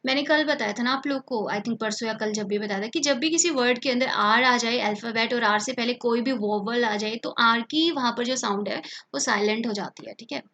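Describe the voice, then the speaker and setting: A woman's voice: a little high, moderate pace, hardly any pauses, fairly bright tone, muffled recording. A woman teaches vocabulary for competitive exams. She explains each word in Hindi, repeats the terms several times, and keeps checking in with her students as she goes. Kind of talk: online exam-prep lesson.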